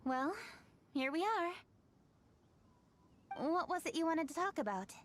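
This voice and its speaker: A woman's voice: very high-pitched, animated, a little slow, a little hiss or hum. A woman playing a dutiful young official in a video game, speaking in a poised, formal, businesslike manner. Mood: polite. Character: dutiful young female official, brisk, composed, hardworking. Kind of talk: English video game dub acting.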